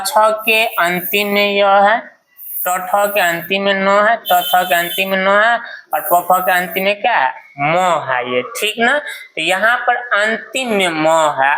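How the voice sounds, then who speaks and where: A woman's voice: medium pitch, a bit bright, slight background noise, poor audio. A woman teacher giving a grammar lesson, repeatedly asking a question and answering it herself. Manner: drills by asking and answering her own questions.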